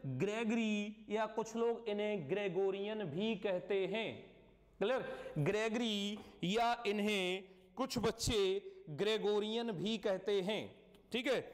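A male teacher giving a live online class lecture, often repeating key words and checking "clear?". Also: sits high, in a large hall.

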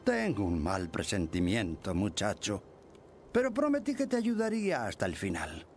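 An actor playing a gruff, loyal old dwarf warrior in a video game, earnest and cautioning. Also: male voice, lowish voice, wildly swooping pitch, moderate pace, soft background music. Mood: uneasy. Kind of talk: video game cutscene acting.

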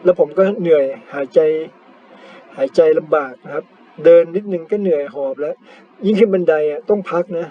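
A man's voice: on the high side, fairly quick, husky. A man from Thailand chatting casually as a cycling vlogger, self-mocking and full of polite particles. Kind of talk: casual chat over screen photos. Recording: slightly dull, lo-fi sound.

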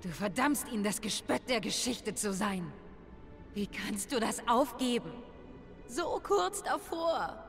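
Dying, manipulative older woman in a game dub, pleading, somewhat high. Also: expressive, slow, fairly bright tone, soft background music, heavily acted. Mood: urging. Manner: pleading, persuasive. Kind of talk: video game voice acting, dubbed.

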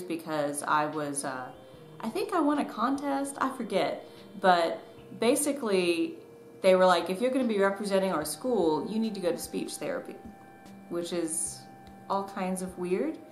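Speaking at a moderate pace in a lowish voice, this southern vlogger and author in her thirties, tied to Tennessee and Georgia, shares a personal story with the camera while gently poking fun at herself. The small home living room sounds echoey, and background noise can be heard.

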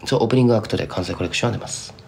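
A man's voice: on the low side, racing, vocal fry, a little hiss or hum. A young man from Kumamoto chatting casually with fans on a live stream, rambling and slipping into thick Kumamoto dialect. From Kumamoto, Japan. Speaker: singer-songwriter streaming live.

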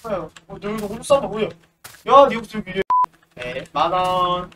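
A man's voice: high-pitched, lively intonation, normal speed. A man streaming a horror game, chatting casually, teasing the characters and yelping at every scare. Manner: jumpy, yelps and shouts at scares, teasing banter. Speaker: gaming streamer. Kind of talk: horror game let's play commentary. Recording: distant mic with clear background noise.

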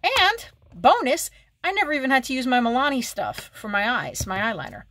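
This woman, a beauty vlogger, talks through her makeup routine at home in a casual get-ready-with-me style, throwing out wry comments and muttering to herself. She sits high in pitch, sounds very animated, brisk, and a bit bright, with a slight hiss or hum.

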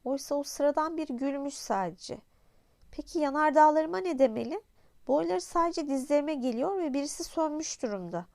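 A woman voicing a small, gentle boy prince who is curious and lonely, in polite, wondering tones. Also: sits high, animated, moderate pace, gravelly, no echo, studio quality. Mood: wistful. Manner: polite, wondering, soft-spoken. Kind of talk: audiobook character voice.

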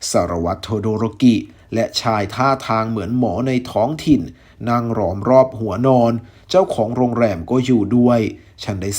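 A man reading a novel aloud as a storyteller, in a steady, measured way. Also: medium pitch.

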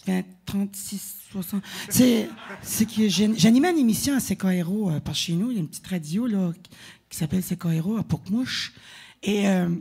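Acadian woman singer, raspy gravelly voice, talking to a concert crowd in a loose, rambling way. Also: medium pitch. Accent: Acadian French. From Acadia, eastern Canada. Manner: chatty, warm-hearted, rambling with fillers and self-corrections. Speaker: singer presenting her album. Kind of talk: casual stage banter with a live audience. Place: concert venue stage.

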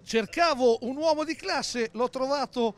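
A man's voice: very high voice, a little slow. A man hosting street interviews at an outdoor town festival, joking and teasing the people he meets. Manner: joking, tells dirty jokes, teasing. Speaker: roving street-festival presenter. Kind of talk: jokey festival vox-pop chat.

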